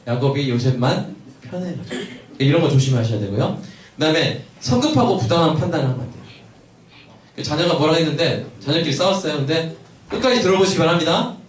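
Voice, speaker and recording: A male pastor gives a Sunday sermon in a fairly high voice and turns again and again to the congregation with questions. He sounds a little far from the mic, and the church around him echoes. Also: slight background noise. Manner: asks the congregation many questions. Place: church sanctuary.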